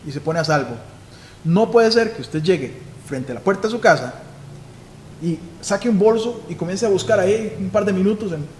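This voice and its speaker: A man with a Costa Rican accent, a police chief giving a live security seminar, who asks questions and then answers them himself. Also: fairly high pitch. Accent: Costa Rican Spanish. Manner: instructive, asks and answers his own questions. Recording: echoey hall with faint noise.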